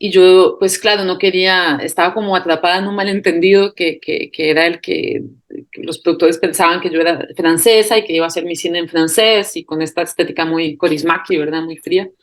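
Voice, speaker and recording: Woman, Costa Rican accent, low voice; hesitant, restarts often, soft laughs between thoughts. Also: fairly even intonation, fairly quick. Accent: Costa Rican Spanish. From Costa Rica. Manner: hesitant, thinks aloud with many fillers and restarts; laughs lightly while talking. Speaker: film director. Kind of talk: interview answers.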